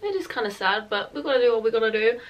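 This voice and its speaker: Fast-talking and animated, a twenty-year-old British woman with a highish voice chats to camera in a casual get-ready-with-me vlog, peppering her speech with "like". The sound is lo-fi, captured by a camera a metre or so away in a small room at home.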